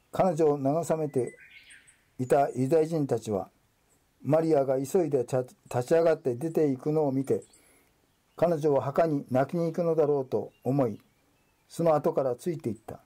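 Mellow man reading scripture. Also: fairly high pitch. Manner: steady, formal narration. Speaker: scripture reader.

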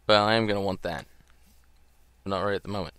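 A man's voice: fairly low pitch, fairly even intonation, brisk, fairly bright tone, smooth, dry recording. A man giving casual gameplay commentary in a groggy early-morning voice, rambling and hesitant. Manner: rambling, hesitant, full of ums and trailing thoughts.

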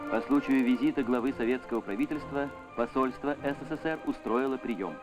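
A man's voice: medium pitch, brisk. A man giving solemn, official narration on an old 1970s newsreel soundtrack. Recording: old newsreel with music underneath.

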